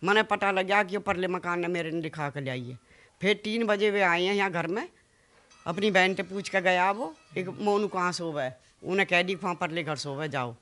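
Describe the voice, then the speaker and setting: On local news, a woman whose voice is on the low side yet fairly bright recalls a family fight in an emotional, pleading way. She has a Haryanvi accent, is the mother of the man interviewed, and speaks fast, quoting many exchanges.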